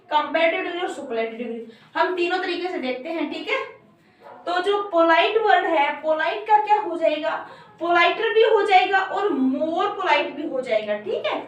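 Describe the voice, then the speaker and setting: Woman teacher, high voice, very echoey room, mic set far off, rhetorical questions, slowed-down examples. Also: fairly bright tone. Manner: repeats "ठीक है" and asks rhetorical questions, slows down to spell out examples. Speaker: English grammar teacher. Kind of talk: lesson explaining grammar.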